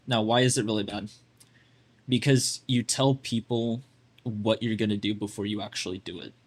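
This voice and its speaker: Blunt, low-voiced man coaching a gamer. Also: fairly even intonation, normal speed, husky. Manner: blunt, chatty, lots of fillers like "like". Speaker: game coach. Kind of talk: casual coaching while watching gameplay.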